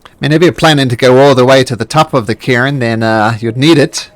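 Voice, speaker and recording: A man's voice: mid-range voice, steady tone, a little fast, natural voice. A man playing a friendly, folksy male expedition outfitter in an improvised tabletop role-play game. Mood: helpful, salesmanlike.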